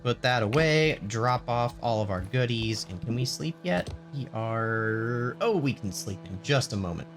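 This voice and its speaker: A man hosting a video game let's play, thinking aloud in casual gameplay commentary with lots of pauses. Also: medium pitch, expressive. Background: game music.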